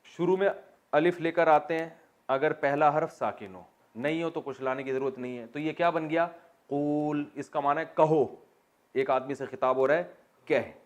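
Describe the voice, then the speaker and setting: Man teaching a class, quizzing students. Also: a little high. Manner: explains step by step, asks the class questions and answers them himself. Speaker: religious teacher. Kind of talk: classroom lecture on Quran vocabulary and grammar.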